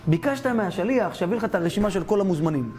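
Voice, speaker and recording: A man's voice: sits high, faint music behind. A man voicing a humble, eager young male Torah scholar, talking in a fawning, effusive way, in a storytelling sermon. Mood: knowing. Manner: effusive, fawning, then calmly knowing.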